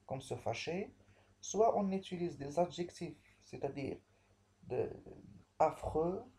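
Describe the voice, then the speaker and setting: Slow, mellow-voiced French teacher. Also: male voice, fairly high pitch, expressive, slight background noise. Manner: slow, repetitive explaining with many restarts. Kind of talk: remote language lesson.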